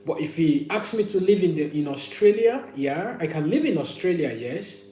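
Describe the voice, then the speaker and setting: A man's voice: on the high side, sing-song, normal speed, mellow. Man livestreaming casually in an echoey room. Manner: repeats and restates phrases for emphasis. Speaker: livestream host. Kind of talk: casual live chat, sharing personal stories and opinions. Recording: echoey room with faint hum.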